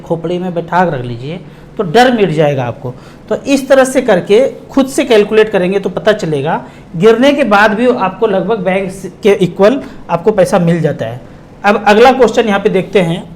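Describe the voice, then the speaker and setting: A high-pitched middle-aged man from India walks viewers through investment questions. He talks emphatically, slowing down and splitting words apart to hammer each point home. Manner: emphatic, slows down and breaks words apart for stress. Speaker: mutual fund distributor.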